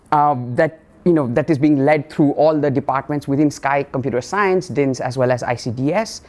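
Male professor in his thirties, lecturing in a measured, explanatory way, classroom sound. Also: a little high, a little mellow. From Nepal. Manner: measured, explanatory, frequent "uh" fillers. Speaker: professor giving a colloquium talk. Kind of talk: academic lecture.

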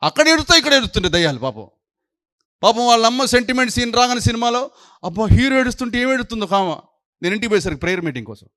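Man, pastor, sermon, high-pitched, scolding rhetorical questions, dry close sound. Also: very animated, racing, fairly bright tone, dry recording.

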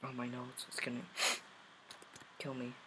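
A man quietly muttering commentary while playing a game, concentrating and reacting to each round. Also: mid-range voice, monotone, measured pace, noisy background. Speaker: gamer.

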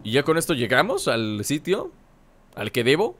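A man's voice: medium pitch, wildly swooping pitch, normal speed. A man giving let's-play commentary, playfully teasing enemies with mock insults. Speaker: gameplay commentator. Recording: loud game music behind the voice. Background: game music and sounds.

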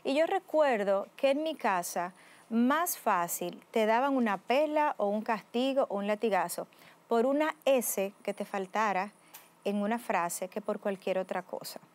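A woman's voice: medium pitch, measured pace. A woman from the Dominican Republic with a Dominican accent, a preacher and host, speaking articulately and expressively as an interview guest. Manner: articulate, expressive, laughs easily.

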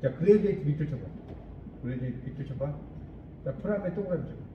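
A man teaching an English lesson to students, explaining in Korean, reading English lines slowly and often checking that they follow. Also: fairly high pitch, expressive, noisy background. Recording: echoey room, dull muffled sound.

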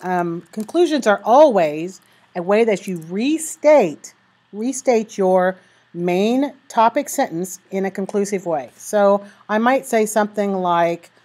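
A woman's voice: mid-range voice, lively intonation, darkish tone. Woman teacher talking students through writing. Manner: talks students through steps, reads sample sentences slowly. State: has the hiccups. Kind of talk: recorded writing lesson.

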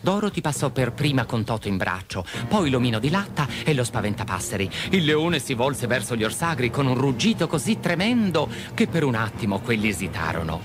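A man narrating a children's fairy tale, with lively, expressive storytelling. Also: medium pitch, a little fast, few pauses. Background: background music.

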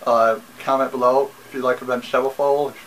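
A young man chatting through a casual haul video in a mid-pitched voice, rambling and circling back with frequent ums. He sits in a small bedroom, recorded on the camera's own mic, with a faint hiss in the background. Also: flat delivery, brisk, poor audio. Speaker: vlogger. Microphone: camera mic, seated facing camera.

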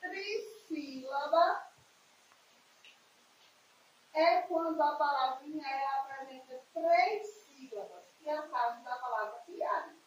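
A woman's voice: high voice, normal speed, few pauses, slight background noise. A woman teaching a primary school lesson with a Brazilian Portuguese accent, talking sweetly to children with lots of diminutives. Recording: echoey, distant and dull home video.

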